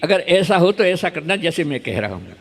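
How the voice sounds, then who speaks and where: A man's voice: on the high side, very animated, moderate pace. An older man, a humorous poet, reciting comic verses with a sing-song refrain and spoken asides, urging the audience to clap. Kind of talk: comic poetry recital at a poetry gathering.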